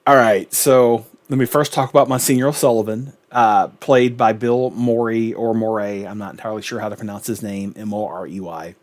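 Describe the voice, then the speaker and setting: A man's voice: on the low side, fairly even intonation, moderate pace, few pauses. A man hosting a sitcom reaction video, musing thoughtfully in a rambling, casual way. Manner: thoughtful, rambling, lots of filler. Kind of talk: casual commentary.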